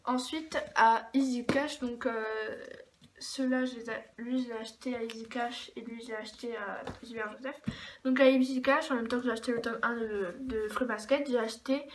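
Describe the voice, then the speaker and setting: A woman's voice: a little high, steady tone, normal speed. Chatty young woman vlogger, many fillers. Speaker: book vlogger. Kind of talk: casual chat. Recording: faint background noise.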